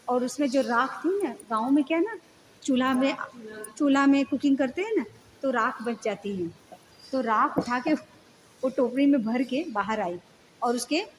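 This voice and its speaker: A woman's voice: high-pitched, a little hiss or hum, low-quality recording. A woman giving a devotional lecture who tells a story and explains it, often asking her listeners questions. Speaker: spiritual lecturer.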